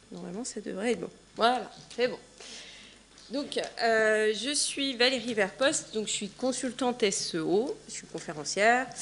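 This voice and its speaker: A woman's voice: fairly high pitch, fairly bright tone, slight background noise. Chatty French woman giving a talk. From France. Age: 40s. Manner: chatty, many fillers. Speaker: conference speaker. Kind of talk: conference talk. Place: large conference hall.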